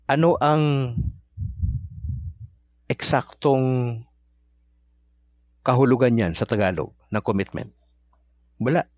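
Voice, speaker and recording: A man's voice: mid-range voice, expressive, moderate pace, long pauses, a little mellow, no room sound, highs cut off. A Filipino man teaching religion in a casual, conversational way, often asking his audience questions. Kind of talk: casual talk-style teaching.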